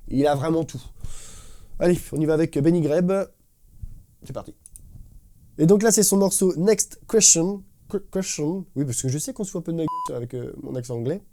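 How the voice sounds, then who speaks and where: A man's voice: on the high side, animated, normal speed, dark tone. A man teaching a casual drum lesson, enthusiastic and slangy, imitating drum fills with spoken syllables. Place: drum studio. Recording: drum music playing behind the voice.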